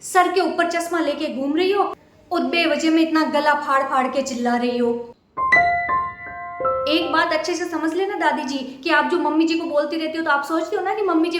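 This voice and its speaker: A woman playing a blunt, sharp-tongued young wife who scorns the elders of the house. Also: sits high, steady tone, brisk, roomy sound, over music, lightly acted. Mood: scornful.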